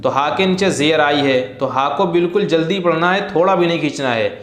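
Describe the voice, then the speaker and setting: A man teaching Quran reading, spelling out letters syllable by syllable in a slow, drawn-out chant and then explaining the rules in quicker plain talk. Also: fairly high pitch, a bit bright, roomy sound, a little hiss or hum. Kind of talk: slow syllable-by-syllable recitation lesson.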